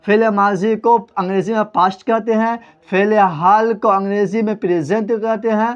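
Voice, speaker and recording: A man's voice: high-pitched, fairly even intonation, clear, resonant tone. Man teaching grammar in a dull lo-fi recording. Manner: drills by asking questions and answering them himself, spells words letter by letter. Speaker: Urdu teacher. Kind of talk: classroom grammar lesson at a board.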